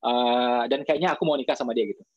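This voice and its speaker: A man preaching in a casual storytelling style to a live audience, chatty, with lots of filler tags and lively quoted dialogue. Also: medium pitch, quick pace, no echo, muffled recording.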